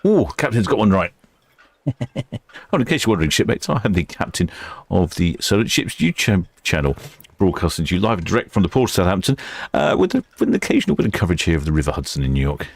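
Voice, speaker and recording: A man's voice: deep voice, very animated, fast, creaky, no echo. A man hosting a casual live ship-spotting stream, chatting and musing as he watches. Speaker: livestream host.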